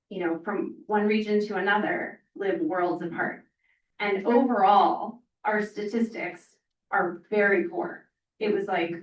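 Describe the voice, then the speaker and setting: Recorded from a distance in an echoey room with the highs cut off, a medium-pitched woman talks on a panel as a parent organizer. Earnest and audibly emotional, she rambles and uses many fillers.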